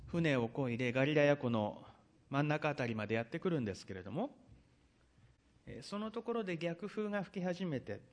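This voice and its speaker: A male pastor preaches in a fairly high voice that swoops up and down with lively intonation. He reads verses aloud and then explains them at an unhurried pace. Drawn-out hesitations run through his talk. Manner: frequent drawn-out hesitation fillers. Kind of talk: sermon with scripture reading.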